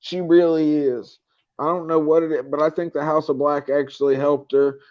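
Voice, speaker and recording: A man's voice: on the high side, fairly even intonation, moderate pace, no room sound, lo-fi sound. A man co-hosting a wrestling podcast, talking bluntly and casually with plenty of slang. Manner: slangy, blunt, says "bruh" often. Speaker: podcast co-host.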